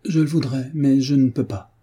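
A man voicing an old grandmother who speaks gently but firmly, in an audiobook reading. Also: medium pitch, fairly even intonation, moderate pace, breathy edge, voice pushed up, lightly acted. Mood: gentle firm.

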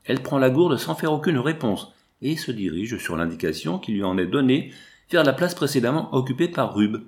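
A man reading a novel aloud in a measured, descriptive narration. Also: medium pitch, sing-song. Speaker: audiobook narrator.

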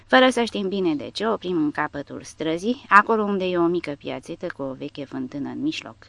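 A woman with a low, deep voice narrates an audiobook in a dramatic reading style. The sound is dry and close, with no room around it. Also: vocal fry, no room sound. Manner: reads dramatically, raising voice for shouted quotes.

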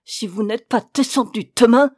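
A woman's voice: a little high, moderate pace, darkish tone, dry recording, clean studio sound, natural voice. A woman reading the lines of a brusque, violent male Prussian officer in a storybook reading, curt and commanding. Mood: angry.

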